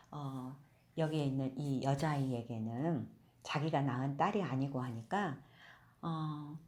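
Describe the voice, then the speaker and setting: A woman telling a fairy tale to children, gently, with fillers and questions for her listeners. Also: low-pitched. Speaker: storyteller. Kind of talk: children's story reading.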